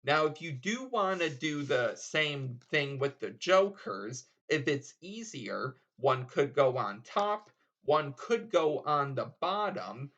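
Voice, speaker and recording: A man's voice: on the high side, very animated, slow pace, a bit bright, muffled recording. A man presenting a casual card trick tutorial, explaining step by step in an informal way.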